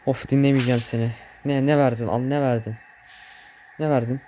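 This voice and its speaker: A man's voice: medium pitch, fairly even intonation, fairly quick, warm tone, a little hiss or hum. A young man chatting casually while playing a video game, getting easily startled, swearing and joking at what happens on screen. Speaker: gameplay streamer. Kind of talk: casual gameplay commentary. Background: game music.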